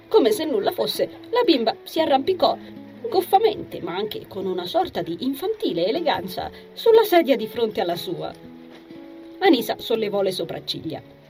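A woman narrating an audiobook in a measured, expressive reading. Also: on the high side.

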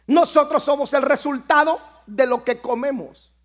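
Very high-pitched man preaching emphatically. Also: moderate pace. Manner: emphatic preaching, rising to shouts at climaxes. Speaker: pastor. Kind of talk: sermon.

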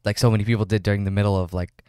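Smooth-voiced young male host. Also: fairly low pitch, little pitch movement, rapid-fire, darkish tone, dry recording, studio quality. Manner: chatty, easygoing, rambling. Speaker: podcast host. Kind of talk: casual chat.

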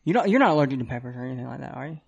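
A man's voice: medium pitch, rapid-fire, gravelly, lo-fi sound, a crowd in the background. A young man co-hosting a podcast, chatting casually, teasing his friend and filling his talk with "like" and "um". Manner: excitable, teasing, many fillers. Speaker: podcast co-host. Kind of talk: casual chat.

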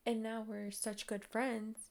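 A young woman vlogger telling a story in casual chat, animated, with lots of fillers and swearing. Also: fairly high pitch, a little slow, gravelly.

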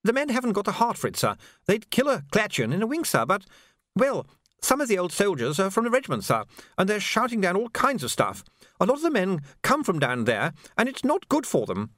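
A man's voice: sits high, huge pitch swings, fairly quick, fairly bright tone, dry recording, studio quality, pitched above the performer's own voice, full character voice. A man voicing a nervous young male sub-lieutenant who reports anxiously to his superiors. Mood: nervous, apologetic. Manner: anxious, stammering, deferential.

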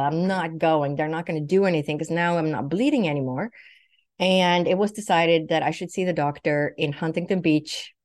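A woman's voice: fairly low pitch, darkish tone. A woman from Sweden telling a personal story in vivid detail, acting out what she thought and what others said. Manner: vivid, acts out quoted thoughts and speech. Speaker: guest.

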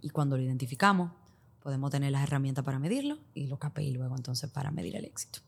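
A woman with a bass voice, creaky and husky, speaks expressively at a quick pace. She's an expert podcast guest with a Dominican accent, explaining through hypothetical examples in Spanglish that slips English business terms into her Spanish.

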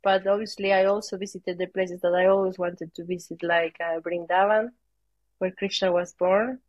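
Peruvian woman, soft-spoken, hesitant. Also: fairly low pitch, level tone, moderate pace, no room sound, dull audio. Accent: Peruvian Spanish. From Peru. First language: Spanish. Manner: hesitant, searching for words, light laughs. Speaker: guest, yoga teacher. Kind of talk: casual interview chat.

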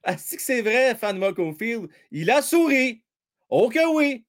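A man with a Quebec French accent hosting a live hockey stream, commenting on the game and chatting with viewers in a slangy, excitable way. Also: a little slow. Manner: excitable, chatty, slangy, swings between shouting and low asides. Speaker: hockey livestream host.

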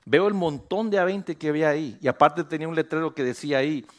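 A pastor preaching a sermon on a church stage, animated, slipping English phrases in and building to loud emphatic peaks. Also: male voice, fairly high pitch, fast talker. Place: church stage under bright lights.

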